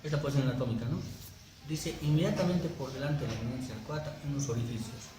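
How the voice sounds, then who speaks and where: A man's voice: mid-range voice, fast, crowd noise. A man teaching anatomy to a class, conversational, often checking that students follow. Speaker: anatomy lecturer. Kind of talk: classroom lecture with jokes. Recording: very echoey room with background noise.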